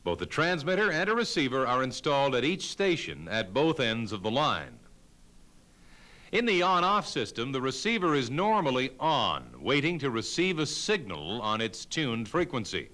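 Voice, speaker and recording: A man narrating a scripted technical lesson as an instructor, in a measured, explanatory way with emphasis on key terms. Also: medium pitch, big pitch swings, sharp tone.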